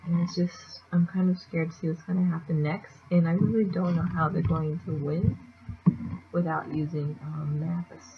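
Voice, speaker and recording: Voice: medium pitch, level tone, normal speed, dull audio, slight background noise. A speaker casually recapping a comic chapter in a rambling way, with lots of fillers and restarts. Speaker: manga chapter reviewer.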